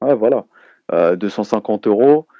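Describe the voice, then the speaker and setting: Low gravelly man hosting a chat. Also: animated, mellow, no room sound, highs cut off. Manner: hesitant, many pauses and fillers. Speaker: host. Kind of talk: casual live chat.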